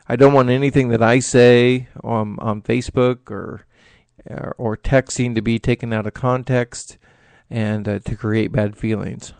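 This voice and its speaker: A middle-aged man with a gravelly, creaky voice delivers an earnest solo monologue on his internet radio show. He speaks haltingly, filling his pauses with many "uh"s, and the sound is close and dry, with no room around it. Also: mid-range voice, a little mellow, dry recording.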